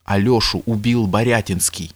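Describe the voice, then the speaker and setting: A man's voice: lowish voice, steady tone, normal speed, no room sound, close to an everyday voice. A man reading an audiobook, voicing a frail, flustered male nobleman who moans and whispers in agitation. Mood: agitated. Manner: agitated, moaning, breathless whispers.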